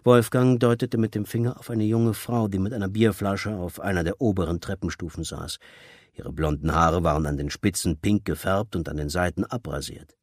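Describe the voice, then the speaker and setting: A man reading a novel aloud as narrator, in measured, even storytelling. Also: deep voice, no echo, studio quality. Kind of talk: scripted audiobook narration.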